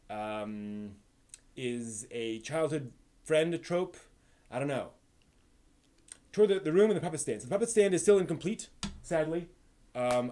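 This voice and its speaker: On a casual live stream, a male host rambles analytically, halting often and repeating words as he thinks aloud. His voice is fairly high and a little mellow, and his manner is explanatory.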